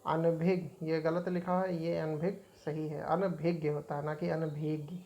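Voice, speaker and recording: A woman's voice: low-pitched, level tone, normal speed, creaky, warm tone. A woman teaching an exam-prep spelling lesson, repeating each word as she points out right and wrong forms.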